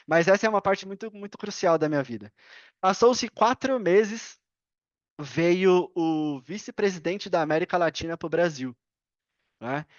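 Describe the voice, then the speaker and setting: A Brazilian man with a Brazilian Portuguese accent, telling a personal story as a podcast guest in an animated, slangy way. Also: sits high, unhurried, dry recording, highs cut off. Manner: animated, slangy, laughs and self-corrects often. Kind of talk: casual storytelling.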